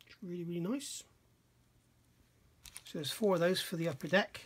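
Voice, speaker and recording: Sitting at an indoor workbench, a middle-aged man casually reviews a scale model kit hands-on, wondering aloud, admiring the kit and often questioning himself. He has a high, breathy-edged voice and speaks at normal speed.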